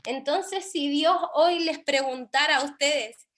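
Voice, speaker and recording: A young Chilean woman with a high voice teaches an online Bible class. She talks earnestly and with feeling, and her sentences often stall and restart as she searches for words. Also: slow, noisy background. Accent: Chilean Spanish. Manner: earnest, emotional retelling with many restarts.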